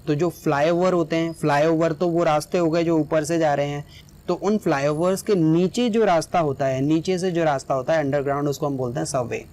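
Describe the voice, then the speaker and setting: Man explaining a lesson, fairly high voice. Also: fairly even intonation, a little fast, a little mellow. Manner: explanatory, often checks in with "right?". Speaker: teacher.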